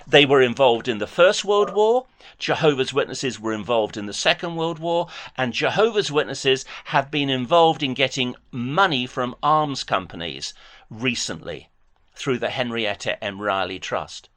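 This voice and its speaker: A man's voice: medium pitch, expressive, normal speed, fairly bright tone. A man hosting a heated debate with a caller, pressing him with references. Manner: pressing, argumentative, quotes references.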